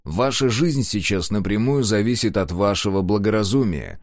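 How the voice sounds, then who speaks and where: A man's voice: on the low side, animated, dry recording, studio quality. A man voicing a smug, coolly formal male stranger in an audiobook. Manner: measured, formal, smirking.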